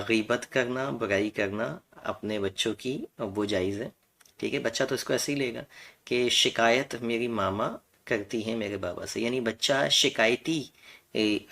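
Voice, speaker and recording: Gravelly-voiced man lecturing on parenting. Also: lowish voice, a bit bright. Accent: Pakistani Urdu. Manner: explains in numbered points, English words mixed in. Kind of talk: advice lecture.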